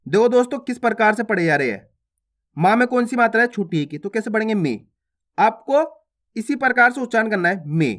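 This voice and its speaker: Male teacher, high voice, patient and repetitive, calls viewers friends. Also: fairly bright tone. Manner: patient, repetitive drilling of syllables. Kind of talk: reading lesson for beginners.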